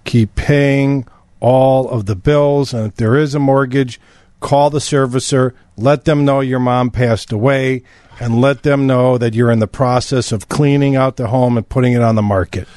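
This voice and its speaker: A man's voice: mid-range voice, fairly even intonation, moderate pace, a little mellow, no room sound. A man hosting a radio show, joking and repeating the phone number. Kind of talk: casual radio talk.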